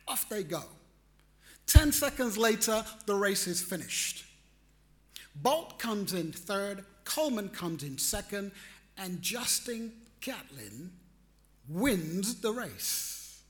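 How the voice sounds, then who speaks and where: A man telling a personal story in a reflective, animated way, acting out his own reactions. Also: high voice, slow. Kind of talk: storytelling talk.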